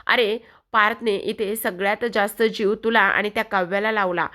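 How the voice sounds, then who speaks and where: A woman voicing a young woman who loudly blames a man for the family's troubles. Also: mid-range voice, fairly even intonation, moderate pace, close to an everyday voice. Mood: accusing.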